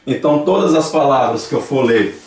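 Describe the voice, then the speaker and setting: A man's voice: medium pitch, animated, fairly quick, darkish tone, slight background noise. Brazilian man teaching in an echoey room. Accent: Brazilian Portuguese. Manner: patient explaining, repeating examples aloud. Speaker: Dutch language teacher. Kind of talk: classroom lesson. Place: church classroom. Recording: echoey room, distant mic.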